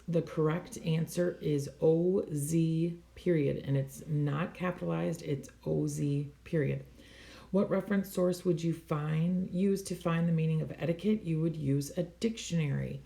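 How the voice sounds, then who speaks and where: Low, gravelly-voiced teacher woman. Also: dark tone, reverberant. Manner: patient, step-by-step explaining. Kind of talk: recorded classroom lesson walkthrough. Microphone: tablet microphone.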